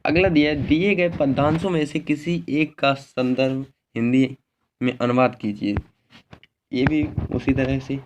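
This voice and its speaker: A man's voice: mid-range voice, steady tone, measured pace. A male teacher going through an exam paper step by step, repeating each answer and checking in with a short confirming word. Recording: slightly dull lo-fi recording with faint noise.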